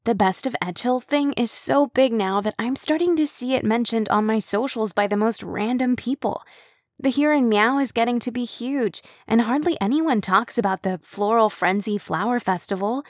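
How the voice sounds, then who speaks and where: A woman's voice: a little high, moderate pace, dry recording, pitched above the performer's own voice, natural voice. An earnest young woman pleads with her father, as a woman narrator voices her. The voice is lifted a little above the reader's own and sounds dry and close. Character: young adult daughter of the mayor, earnest.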